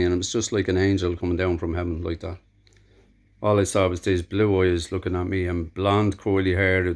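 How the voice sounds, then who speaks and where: A man in his seventies with a Dublin accent, telling a true story in a plain, conversational, reflective way. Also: deep voice. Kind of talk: spoken true-life storytelling.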